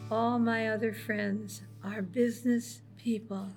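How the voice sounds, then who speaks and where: A woman's voice: fairly high pitch, level tone, slow pace, darkish tone, soft background music. A woman improvising the part of an ambitious New York businesswoman in a family musical, with a dry, unimpressed manner. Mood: chummy.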